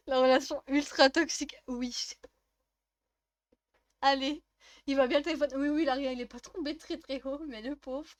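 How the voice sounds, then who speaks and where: Une jeune streameuse à la voix haute et claire commente sa partie en bavardant, pleine de rires et de taquineries envers les personnages. Le son est sec et proche, sans résonance de pièce. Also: female voice, sits high, steady tone, moderate pace, long pauses, dry recording. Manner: chatty, laughs often, teasing the game characters. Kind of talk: casual let's-play commentary.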